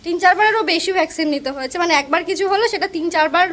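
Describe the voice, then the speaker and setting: High-voiced chatty woman. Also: racing, a bit bright. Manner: chatty, rambling storyteller. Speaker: vlogger. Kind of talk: casual vlog chat and voice-over.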